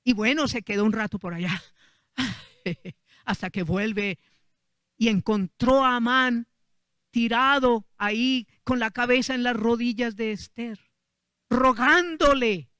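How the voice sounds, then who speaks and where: Un hombre que predica en una enseñanza dominical y cuenta una historia bíblica de forma animada, dirigiéndose a los hermanos. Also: male voice, extremely high pitch, slow, long pauses, clean tone, no room sound. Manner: lively, addresses congregation as brothers. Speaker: preacher. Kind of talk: Sunday sermon, storytelling.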